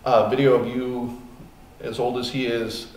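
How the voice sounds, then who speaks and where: A man's voice: mid-range voice, flat delivery, measured pace. A man hosting a podcast in casual chat, rambling with plenty of ums and uhs. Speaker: podcast host. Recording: echoey room, distant mic, faint noise.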